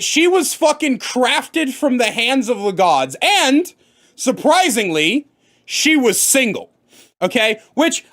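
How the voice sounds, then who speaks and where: Man, 30s, comedic storyteller, lively pitch, crude, loud bursts. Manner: animated, swings to loud outbursts. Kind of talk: profane comedic storytime rant.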